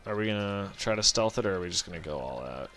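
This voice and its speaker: A man's voice: deep voice, animated, quick pace, a bit bright, soft background music. A man giving casual gameplay commentary as a let's play host, rambling, correcting himself and swearing offhand as he thinks aloud.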